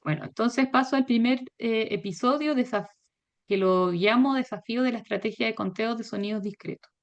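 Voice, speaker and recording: A woman giving a virtual academic lecture, measured and hesitant, with frequent fillers. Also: a little high, lo-fi sound. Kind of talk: academic presentation. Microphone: video call.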